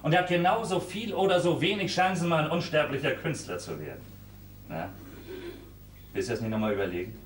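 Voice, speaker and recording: An actor playing an exasperated, blustering young lodger in a stage comedy, heard from afar on an echoey stage. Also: male voice, on the high side, lively intonation, a little fast, far from the mic, a little hiss or hum, lightly acted. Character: exasperated young lodger trying to end an affair. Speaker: Fred, furnished-room lodger.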